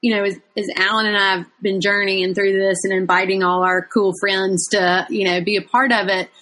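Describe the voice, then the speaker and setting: A woman's voice: medium pitch, little pitch movement, normal speed, a bit bright. A woman co-hosting a podcast, chatting in an encouraging way with her guest. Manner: encouraging listener, short affirmations. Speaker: podcast co-host. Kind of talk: casual podcast conversation.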